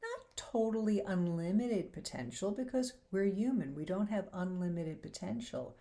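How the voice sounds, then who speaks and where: Her voice slightly going and a little worn, a woman hosts a faith-based talk show and quotes scripture. She speaks earnestly and encouragingly at a moderate pace, in a warm, medium-pitched voice.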